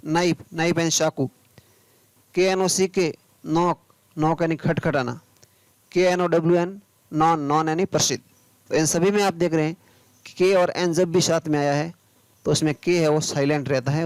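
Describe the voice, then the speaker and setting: A man, teaching English pronunciation, spelling out words letter by letter and then explaining them slowly. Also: fairly high pitch, a little mellow, no room sound, low-quality recording. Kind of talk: pronunciation lesson.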